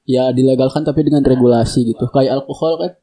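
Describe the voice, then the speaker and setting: A man's voice: mid-range voice, fairly even intonation, fast talker, mellow. A young man chatting casually, laid-back and slangy, often laughing. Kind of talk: casual chat. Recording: echoey room.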